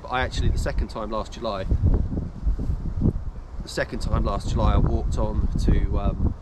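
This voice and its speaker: A man's voice: lowish voice, steady tone, moderate pace. A man in his thirties casually giving hiking tips to camera outdoors, rambling with lots of fillers and restarts. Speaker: hiking vlogger. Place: outdoors in a windy park by a tree. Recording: loud wind buffeting the mic. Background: loud wind noise.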